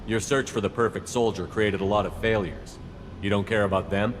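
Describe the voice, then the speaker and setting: An actor playing a stern, principled military commander in a video game, measured and matter-of-fact. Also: male voice, fairly low pitch, fairly even intonation, big-room sound, background noise, lightly acted. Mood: measured, challenging.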